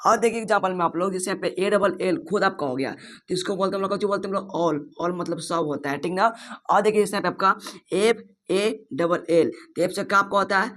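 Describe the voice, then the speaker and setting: A man's voice: high-pitched, fast, fairly bright tone. A man teaching English pronunciation in an online lesson. He keeps asking his own questions and then answering them, and often checks with "theek na". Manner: ends phrases with a checking "theek na".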